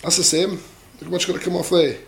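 Working at a bench vice, a tutorial presenter gives a casual demonstration in clipped, offhand comments. He speaks a little fast in a high voice with fairly even intonation. Clear background sounds of metal being filed and clicking accompany him.

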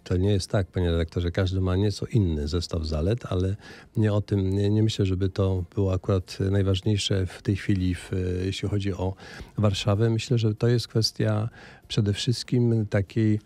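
An older man as a politician guest in a radio studio interview, speaking into a studio microphone in a measured, hesitant way with many filler sounds. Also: deep voice, flat delivery, mellow. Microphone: studio microphone on boom arm.

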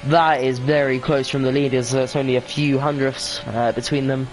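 A man's voice: medium pitch, little pitch movement, moderate pace, faint music behind. A man giving casual sim racing commentary, tired and hesitant, with lots of ums and corrections of himself. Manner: tired and yawning. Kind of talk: casual esports race commentary.

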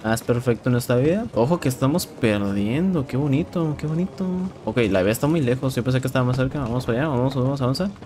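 Excitable young Mexican gamer man. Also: medium pitch, fast talker, hardly any pauses. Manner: excitable, swears a lot, repeats words. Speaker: gameplay streamer. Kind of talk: casual live game commentary. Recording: game sounds and noise in background.

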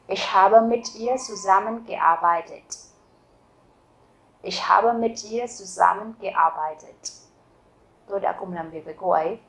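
A Vietnamese woman teaching a German grammar lesson, explaining step by step, asking her learners questions and saying example sentences slowly twice. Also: lowish voice, rough recording. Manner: asks learners rhetorical questions.

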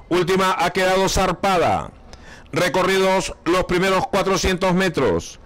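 A man's voice: sits high, fairly bright tone. A man giving live horse race commentary in short, clipped announcer phrases.

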